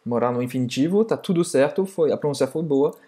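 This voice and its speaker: A woman with a very low, mellow voice co-teaches a casual French lesson. She backs up her partner with quick agreements and repeats French phrases as examples. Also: animated. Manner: brief agreeing replies, models French phrases. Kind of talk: conversational language lesson.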